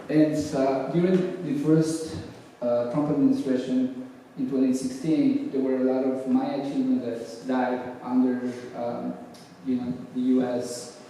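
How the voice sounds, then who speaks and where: A middle-aged man from Guatemala, speaking to a congregation and answering an audience question in a measured, thoughtful way with frequent hesitations. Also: mid-range voice, level tone, warm tone, a little hiss or hum. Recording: echoey hall, voice from far off.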